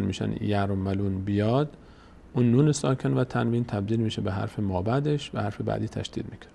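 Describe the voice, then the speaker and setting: Male recitation teacher, patient and repetitive, gravelly mid-range voice, stretches verses out slowly to show how they are read. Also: medium pitch, a little mellow. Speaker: Quran reading teacher. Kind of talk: step-by-step recitation lesson.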